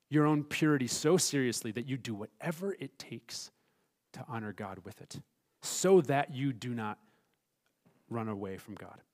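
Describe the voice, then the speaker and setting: Guy pastor giving a sermon, kinda high voice, punchy then goes all quiet. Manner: emphatic, swings from loud stresses to hushed asides.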